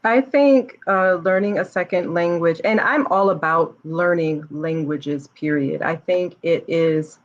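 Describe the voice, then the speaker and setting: A woman guest in a casual interview, speaking in a measured, reflective way. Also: on the low side, highs cut off.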